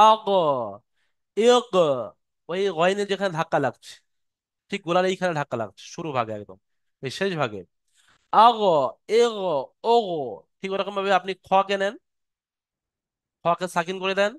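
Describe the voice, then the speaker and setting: Male online recitation teacher, high clear voice, dry close sound, patient, demonstrates each sound slowly. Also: fairly bright tone, no room sound. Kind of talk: online class lesson. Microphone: computer mic on a video call.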